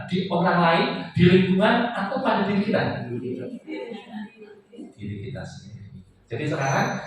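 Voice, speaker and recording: A lively man speaks to a room of parents, quizzing them and joking between points. His fairly high voice comes from a distance, and the hall gives it a strong echo. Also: a little hiss or hum. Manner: lively, playful, asks the audience questions. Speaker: motivational speaker. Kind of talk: seminar talk to parents. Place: school hall with an audience. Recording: echoey hall, voice from far off.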